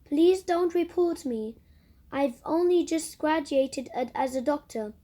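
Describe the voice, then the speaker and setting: Posh nervy young doctor guy done by a woman reading, stammers, says sorry a lot, pitched up. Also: unhurried, warm tone. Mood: flustered. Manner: flustered, apologetic, stammering.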